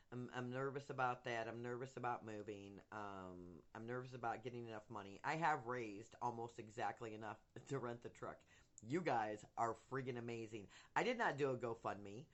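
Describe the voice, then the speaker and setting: A middle-aged man with lispy, slushy speech from missing teeth, rambling candidly and openly in a casual personal vlog. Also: mid-range voice. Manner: candid, rambling, emotionally open. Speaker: content creator updating followers.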